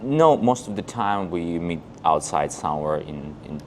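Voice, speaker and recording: Speaking in an unhurried, expressive voice that sits low, this English teacher from Belarus, a man in his thirties, recounts his story in a casual lapel-mic interview. He chats freely and performs the dialogue he quotes. The setting moves between a paved old street outdoors and a cafe, with slight background noise.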